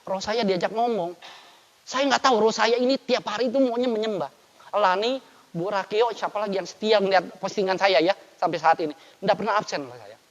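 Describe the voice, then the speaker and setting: Older male pastor, high voice, lively sermon delivery; dull lo-fi recording with long church reverb. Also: fairly quick. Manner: lively preaching with dramatic swings in loudness.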